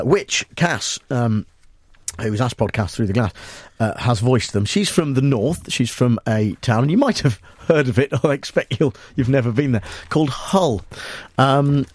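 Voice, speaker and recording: A man's voice: medium pitch, a little mellow, dry recording. A man hosting a comic radio talk show, playful and mock-serious, with many fillers.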